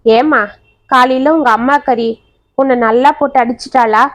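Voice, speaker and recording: A woman's voice: high-pitched, fairly even intonation, normal speed, natural voice. A woman voicing a kind, protective old grandmother who coaxes and comforts a child. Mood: coaxing. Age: older. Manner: gentle, coaxing, worried.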